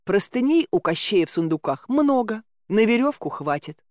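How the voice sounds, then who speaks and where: A woman narrating a fantasy audiobook in the first person, in an expressive style with exclaimed asides. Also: mid-range voice, normal speed, no room sound, studio quality. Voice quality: animated, exclaiming inner monologue.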